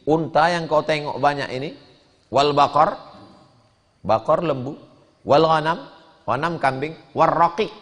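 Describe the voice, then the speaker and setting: Lively preacher in an echoing hall. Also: male voice, on the high side, a little slow, pauses often. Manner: animated storytelling, quoting and translating Arabic. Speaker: religious teacher. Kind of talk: sermon. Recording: long hall reverb.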